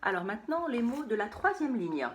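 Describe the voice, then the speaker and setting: A woman teaching a phonics lesson to young children, saying words slowly and repeating them, sometimes in a whisper. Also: fairly high pitch, big pitch swings.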